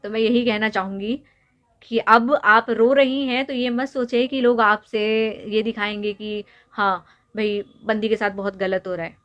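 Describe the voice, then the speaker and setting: A woman's voice: mid-range voice, fairly even intonation, unhurried, a bit bright, dull audio. A young woman vlogger lecturing and scolding someone directly to camera, repeatedly pressing her points home with rhetorical questions. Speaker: YouTube vlogger. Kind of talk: direct-to-camera opinion rant.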